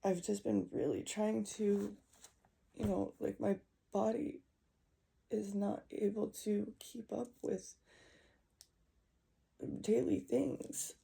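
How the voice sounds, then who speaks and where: A young woman venting to camera about her struggles, upset and halting, often repeating herself. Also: medium pitch, fairly even intonation, gravelly, mellow, husky. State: distressed. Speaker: vlogger. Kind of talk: emotional personal vent.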